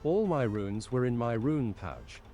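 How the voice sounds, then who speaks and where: A computer voice reads out viewer chat messages one after another. It is male and mid-pitched, with a surprisingly lively pitch contour. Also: a little slow, soft background music. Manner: flat read-out chat messages. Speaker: text-to-speech reading chat.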